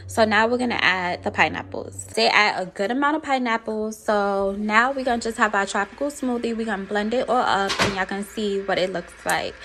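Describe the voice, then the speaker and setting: Speaking informally, a young American woman narrates her chores and cooking for a home vlog. Her voice is medium in pitch and a little bright, recorded on a handheld camera in her kitchen, with appliance noise clearly audible behind her.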